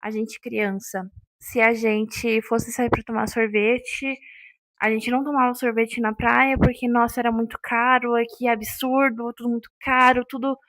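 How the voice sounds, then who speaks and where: A young woman talks off the cuff in a casual vlog. Her voice sits a little high, and she keeps checking in with her listeners. The sound is dry and close, with no room around it. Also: little pitch movement, normal speed, a bit bright, dry recording. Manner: chatty, checks in with listeners often. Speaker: vlogger. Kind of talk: unscripted casual vlog talk.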